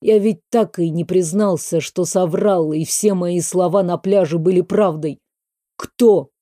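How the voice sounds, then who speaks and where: A gruff, commanding dean as a woman reads him snaps short orders, then scolds gently. The tone stays mellow and low-edged. The sound is dry and close, with no room around it. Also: measured pace, no room sound, lightly acted. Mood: stern. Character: stern male dean, a gruff protective mage. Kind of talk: audiobook character reading.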